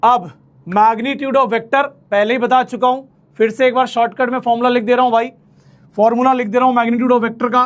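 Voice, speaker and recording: Male tutor, pitched high, chatty and playful, counts aloud while drawing. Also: little pitch movement, moderate pace, fairly bright tone. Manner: chatty, playful, talks to students as "bhai". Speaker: teacher. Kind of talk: casual Hinglish math lecture.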